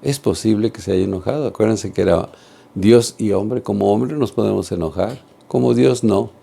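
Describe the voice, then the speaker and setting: Gravelly dark-voiced catechist. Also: male voice, on the low side, normal speed. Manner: earnest, addresses viewers directly with questions. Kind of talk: religious teaching talk.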